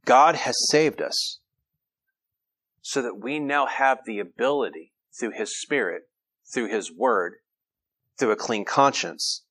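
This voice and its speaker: A man's voice: medium pitch, takes it slowly, pauses often, a bit bright. A man preaching an earnest sermon, reading scripture aloud and often restarting his phrases. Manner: frequent repetitions and restarts.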